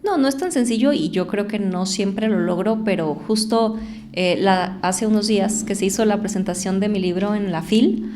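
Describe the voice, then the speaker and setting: A woman's voice: mid-range voice, moderate pace, background noise. Reflective woman entrepreneur. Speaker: guest, entrepreneur and author. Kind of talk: conversational interview.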